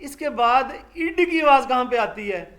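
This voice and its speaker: A man with a fairly high voice gives a live online English lesson. He speaks, calls his students "beta" and drills each sound slowly and patiently. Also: animated, a bit bright. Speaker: English teacher.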